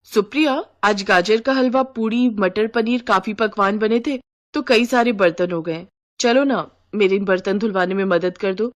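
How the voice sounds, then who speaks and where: A woman's voice: mid-range voice, normal speed, lightly acted. A woman voicing a young newlywed bride in a cartoon story, exasperated and sarcastic. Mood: pleading, irritated.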